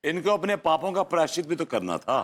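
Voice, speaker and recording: A smug, teasing neighbour. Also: male voice, on the high side, big pitch swings, a little fast, a little hiss or hum. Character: witty middle-aged neighbour, teasing and smug. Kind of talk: sitcom acting.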